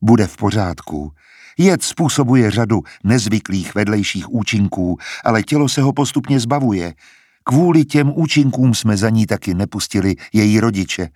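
Narrator as a jovial male doctor, upbeat and reassuring, husky tone. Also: on the low side, expressive, darkish tone, no echo, clean studio sound. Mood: breezy.

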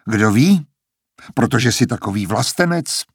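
A man voicing a stern, bitter older male academy dean in an audiobook, speaking in a cold, measured, mocking way. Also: medium pitch, animated, slightly rough, dry recording, studio quality.

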